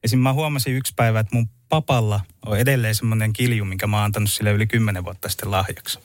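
A man guesting on a radio show, answering questions calmly and matter-of-factly. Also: on the low side, dry recording, studio quality. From Finland. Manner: calm, matter-of-fact. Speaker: studio guest, home brewer. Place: radio studio.

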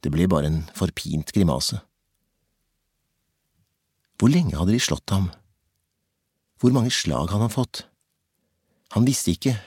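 A man narrating a novel as an audiobook in a measured, intense storytelling manner. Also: deep voice, darkish tone, slightly rough, no echo, studio quality.

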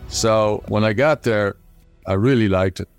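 A man from Ireland with an Irish accent, reminiscing in a relaxed, conversational way. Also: fairly low pitch, a little slow, smooth, soft background music. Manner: relaxed, conversational, many fillers. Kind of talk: casual reminiscing.

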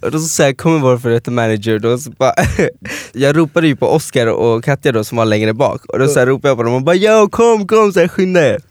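A man's voice: medium pitch, hardly any pauses, dry recording, studio quality. A young man, co-hosting a casual podcast and telling a story with lots of laughter and acted-out quotes. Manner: animated storyteller, laughs often, acts out quotes. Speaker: podcast co-host.

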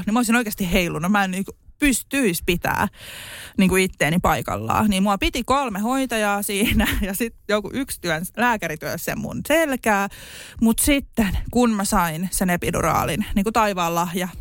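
A woman's voice: medium pitch, dry recording, studio quality. A young woman on a podcast telling her own story in casual chat, candid, laughing often and swearing freely.

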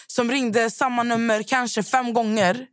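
A woman's voice: a little high, dry recording, studio quality. A woman with a Swedish accent, a podcast host telling stories in casual chat and acting out what people said. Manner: animated storyteller acting out quotes.

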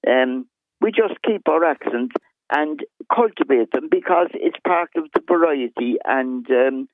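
A man's voice: medium pitch, lively intonation, measured pace, no echo. A man with a Cork Irish accent calling a radio phone-in, explaining his opinion conversationally and articulately over the phone. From Cork, Ireland. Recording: phone line to radio show.

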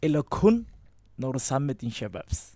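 A man's voice: medium pitch, very animated, mellow, no echo, clean studio sound. A young man co-hosting a podcast in casual chat, teasing and laughing at his friends. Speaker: podcast co-host reading the dilemma.

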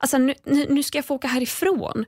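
A woman's voice: sits high, a little mellow, no room sound, studio quality. A young woman, a podcast guest, tells a story in casual chat, swears often and acts out what people said. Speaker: podcast guest, reality show contestant.

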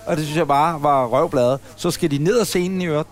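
A man chatting casually on a podcast recorded in a café, telling a long, rambling anecdote. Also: on the high side. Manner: rambling, animated anecdote-teller. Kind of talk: casual storytelling chat.

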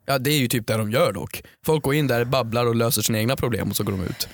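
A man's voice: mid-range voice, vocal fry, no echo, studio quality. Blunt, playfully grumpy man podcast host. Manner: blunt, playfully grumpy, jumps to mock-shouting. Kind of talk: casual chat.

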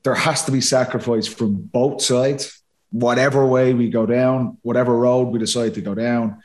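A man's voice: medium pitch, steady tone, normal speed, darkish tone. Male co-host, Irish accent, middle register, roomy echo; informal, opinionated, repetitive phrasing. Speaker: podcast host. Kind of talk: casual opinionated discussion.

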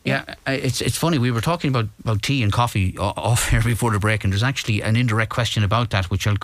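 A man with an Irish accent hosting a panel, asking probing questions in a conversational, halting way. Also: medium pitch, no echo. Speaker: radio host. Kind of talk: conversational interviewing.

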